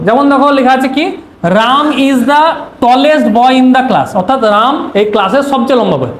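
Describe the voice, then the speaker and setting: A man teaching an exam-prep grammar lesson, posing questions and answering them himself. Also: very high voice. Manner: asks rhetorical questions then answers them; repeats key terms to drill them. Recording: roomy echo, faint noise.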